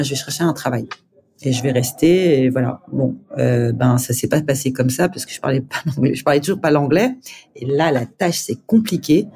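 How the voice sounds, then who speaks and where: A woman in her forties from France, telling her story as a podcast guest, halting with many fillers and restarts. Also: low-pitched, mellow. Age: 40s. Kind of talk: casual interview storytelling.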